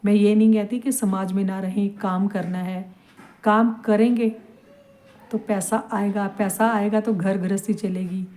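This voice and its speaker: Soft-spoken woman, mellow devotional talk. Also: mid-range voice, steady tone, a little slow. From Punjab, India. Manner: soft, tender, confiding, addresses the idol directly. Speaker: devotional vlogger. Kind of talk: casual devotional talk to her deity idol.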